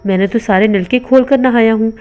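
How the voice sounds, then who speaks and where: A woman's voice: on the high side, a little fast, dark tone, clear, resonant tone, soft background music, close to an everyday voice. A woman reading as a childlike, babbling man. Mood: innocent. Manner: naive, childlike talk.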